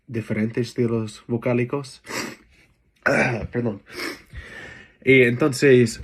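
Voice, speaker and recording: A man's voice: lowish voice, darkish tone. A young man giving a class presentation from his notes, a little hesitant. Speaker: student presenter.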